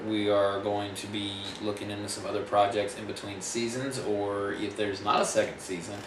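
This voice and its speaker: A man with a fairly low voice chats through a casual vlog about his film projects, rambling and self-correcting in a plain-spoken way. He sits back from the camera's own mic, so the sound is roomy and echoey. A steady hiss of noise runs under his voice. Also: recorded from a distance. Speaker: independent filmmaker.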